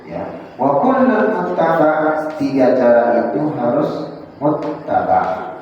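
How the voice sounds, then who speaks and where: A man teaches the rules of Quran recitation, speaking slowly and breaking into drawn-out chanted Arabic verses to show the right reading. He stops now and then on fillers while he searches for a word. The sound is distant and dull, caught from across a prayer room full of long, ringing echo. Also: medium pitch, sing-song, slight background noise. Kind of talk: tajwid lesson to a congregation. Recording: distant, dull and echoey in a hall.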